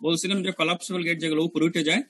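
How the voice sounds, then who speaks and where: A man teaching the pronunciation of letters in a lesson, patiently repeating each sound slowly and stretching it out. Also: fairly high pitch, steady tone, fairly bright tone.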